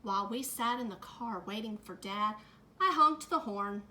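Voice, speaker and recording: A middle-aged woman teacher reading a picture book aloud to children, adding gentle comments as she goes. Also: mid-range voice, animated. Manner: slow, gentle storytime delivery with added comments to kids.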